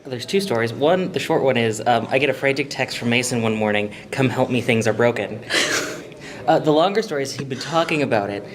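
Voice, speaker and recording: Chatty young man telling a quick story. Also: medium pitch, animated. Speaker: volunteer helper. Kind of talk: casual interview answers.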